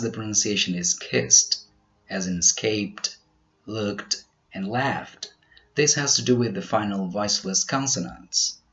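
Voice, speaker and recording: A man teaching pronunciation in a scripted quiz, slowly over-articulating each example word. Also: on the low side, fairly bright tone, highs cut off. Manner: slow, careful, over-articulated delivery of example words.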